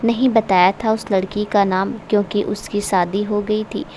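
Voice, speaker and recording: A woman voicing an angry young husband who is also a protective uncle, read in a stern, forceful way. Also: mid-range voice, level tone, normal speed, slight background noise, lightly acted.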